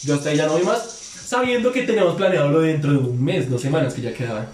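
A man's voice: on the high side, rapid-fire, echoey room, noisy background. A young man telling a long story among friends, slangy and profane, acting out both sides of a quarrel. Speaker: podcast guest.

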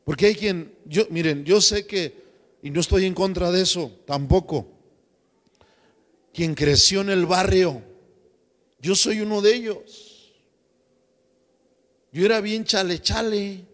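A man preaching a sermon as pastor, lively and joking, slipping into slang voices. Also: high-pitched, a little slow, long pauses, in a large hall. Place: church.

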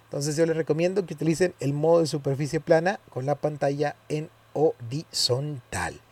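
A man's voice: fairly high pitch, moderate pace, darkish tone. A man giving a casual spoken tutorial, hesitant and often correcting himself as he demonstrates. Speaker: tutorial presenter.

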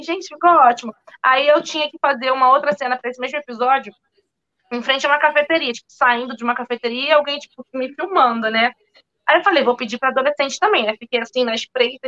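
A woman, a guest actress, telling stories in a lively, animated way, acting out quotes and laughing. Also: sits high, highs cut off. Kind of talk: casual storytelling chat.

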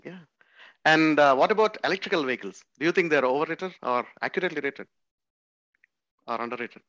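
A man's voice: on the high side, animated, a little fast, fairly bright tone. A man hosting an interview, hesitant and full of fillers and restarts. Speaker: show host. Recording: dull lo-fi sound.

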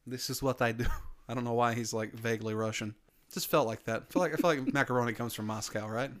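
A man's voice: mid-range voice, steady tone, quick pace, fairly bright tone. A young man co-hosting a podcast, chatting casually and joking around with frequent laughs. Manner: jokey, rambling, laughs often. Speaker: podcast co-host. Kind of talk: casual chat.

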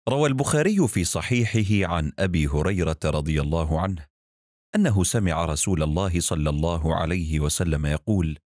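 A man narrating religious stories in a measured, even storytelling delivery. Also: low-pitched, no room sound, studio quality.

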